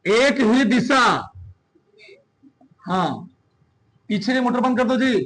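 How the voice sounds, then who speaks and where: A male physics teacher dictating a classroom lecture, repeating phrases slowly and quizzing his students. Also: very high voice, a bit bright.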